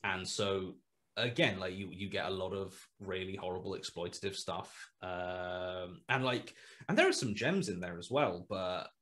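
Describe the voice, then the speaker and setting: On a casual video call interview, a male horror podcast writer appears as the guest, using a headset mic in a small home room. His voice sits lowish and his pace is moderate. He talks in loose bursts, rambling, restarting a lot, and adding lively asides.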